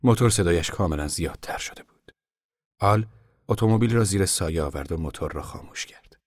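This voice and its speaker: A male narrator reads a novel in a calm, measured manner, sometimes sinking toward a hush. His voice is extremely deep, recorded close with a dry, roomless sound. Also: dry recording. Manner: calm, measured storytelling, at times hushed. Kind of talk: audiobook narration.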